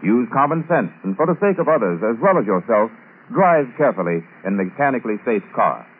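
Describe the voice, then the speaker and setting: A man's voice: medium pitch, sing-song, fairly quick, slightly rough. A man reading a persuasive scripted radio announcement in 1940s style, heard from an old broadcast disc. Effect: old broadcast disc sound. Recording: tinny, narrow-band old radio transcription.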